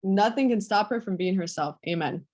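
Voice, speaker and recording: Woman, coaching call, gentle, lingering, repeats words, mid pitch, video call. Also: normal speed. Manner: soft, affectionate, lingering over repeated words. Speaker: women's empowerment coach. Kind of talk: guided group coaching call.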